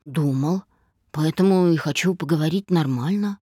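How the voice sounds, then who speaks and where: A tipsy young man leans on every line, his voice low and loose, slurred at the edges, put on by a woman reading aloud. He is pushy and clingy. The sound is dry and close. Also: normal speed, husky, dry recording. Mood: hurt. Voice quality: low, relaxed. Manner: slurring, insistent.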